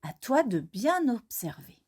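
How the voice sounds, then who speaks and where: A woman reading a children's picture book aloud in a slow, expressive, sing-song way. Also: a little high, slightly rough. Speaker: children's storyteller. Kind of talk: read-aloud storytelling for children.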